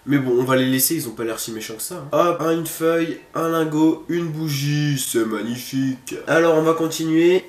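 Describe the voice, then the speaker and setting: A man hosting a horror game video speaks at a normal speed with a fairly high pitch and hardly any pauses. He thinks aloud in casual let's-play commentary, chatting informally with viewers in a roomy, echoing space with faint background noise.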